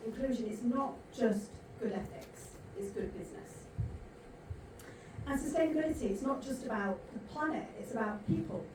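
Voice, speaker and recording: A woman's voice: fairly high pitch, lively intonation, normal speed. A woman moderating a conference panel, delivering her points in an emphatic, rhetorical way. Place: large conference hall. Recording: echoey hall from far off, noisy.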